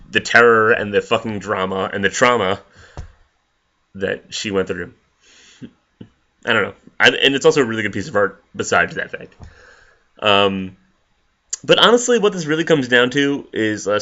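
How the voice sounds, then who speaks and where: Male vlogger, profane and rambling, lo-fi sound, low-pitched. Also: sharp tone. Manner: profane, rambling, with many fillers. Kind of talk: ranting commentary vlog. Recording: dull lo-fi recording.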